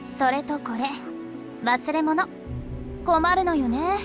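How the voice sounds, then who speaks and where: A woman's voice: high-pitched, a little slow. A woman voicing a cheerful, carefree young vampire woman in a game, speaking in a playful, teasing way. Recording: game audio with music behind.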